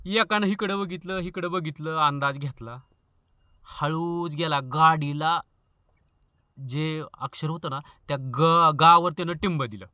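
Man, very bright voice, dry close sound, comic storyteller, chatty and joking. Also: fairly high pitch, unhurried, no room sound, highs cut off. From Maharashtra. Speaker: storyteller, channel host.

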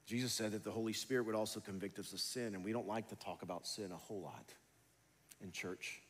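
Low-voiced man preaching in a reverberant church. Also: fairly even intonation, brisk. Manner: conversational preaching, rising to emphatic near the end. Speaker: pastor. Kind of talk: sermon. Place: large church sanctuary.

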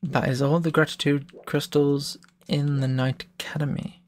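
A man's voice: on the high side, moderate pace, slight background noise. A man giving casual, explanatory commentary as he plays through a video game. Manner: relaxed, explanatory, self-correcting. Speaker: let's play host.

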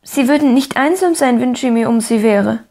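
A woman's voice: brisk, natural voice. A woman voicing a cheerful, optimistic little orphan girl who talks eagerly and pleadingly in a raised voice. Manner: eager, pleading, bright and higher.

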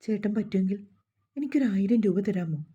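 An earnest, pleading young woman, read by a woman storyteller. The voice is husky and dark, and the recording is dull and lo-fi. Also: medium pitch, lively intonation, a little fast. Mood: hopeful. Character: Ganga, distressed young woman.

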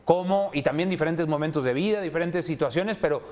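A man's voice: fairly high pitch, fast talker, a little mellow. A man interviewing two fighters, conversational and encouraging, often tagging questions with a check. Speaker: sports interviewer.

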